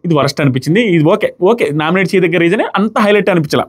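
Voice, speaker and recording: Rapid-fire high-voiced man ranting. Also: lively intonation, slightly rough. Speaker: reality show reviewer. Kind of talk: opinionated review commentary.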